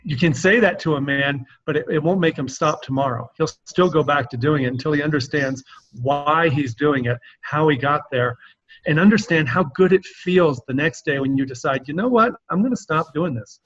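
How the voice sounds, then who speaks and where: An earnest, animated man coaching men in a relaxed podcast chat. His voice sits a little high for a man, and the recording sounds dull and lo-fi. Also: normal speed. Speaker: men's coach. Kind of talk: casual podcast conversation.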